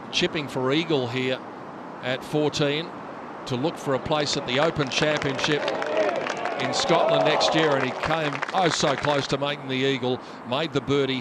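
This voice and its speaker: A man working as a golf commentator, narrating tournament highlights. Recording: crowd and outdoor noise behind. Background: loud golf crowd and outdoor ambience.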